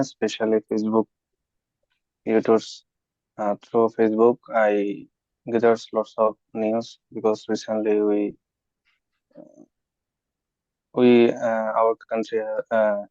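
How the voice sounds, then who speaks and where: A man student with a Bangladeshi accent mumbles his English answer in a low, flat monotone and very slowly. The dry online recording sounds dull and lo-fi. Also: no echo.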